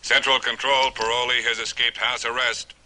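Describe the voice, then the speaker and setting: A man's voice: mid-range voice, flat delivery, normal speed, over loud music, rough recording. An actor playing a male security officer making a clipped official report over an intercom. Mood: formal.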